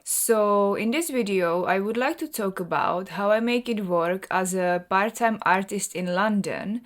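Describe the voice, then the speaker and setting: A woman's voice: medium pitch, measured pace. A woman in her thirties from the Czech Republic, a native Czech speaker, talking to camera in earnest and rambling fashion with many restarts. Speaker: artist and vlogger. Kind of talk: personal talk to camera.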